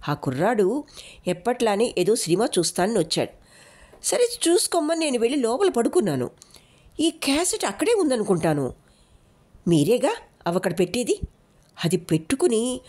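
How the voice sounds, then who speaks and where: A woman's voice: mid-range voice, big pitch swings, normal speed, pauses often, a little mellow, voice pushed up. A woman narrator voicing a cornered wife who pleads and defends herself. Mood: defensive. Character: cornered wife making excuses, grown woman.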